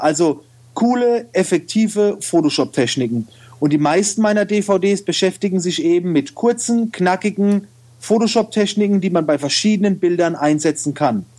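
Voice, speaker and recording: Speaking with a regional German dialect, this interview guest, who works as a photo retoucher and video trainer, has a high-sitting voice with a darkish tone. His casual talk is packed with fillers and restarts.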